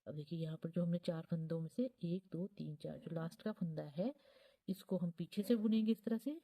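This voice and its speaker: A woman giving a patient step-by-step knitting tutorial, counting stitches aloud and often dropping to a soft near-whisper. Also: lowish voice, steady tone, moderate pace. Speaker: knitting teacher.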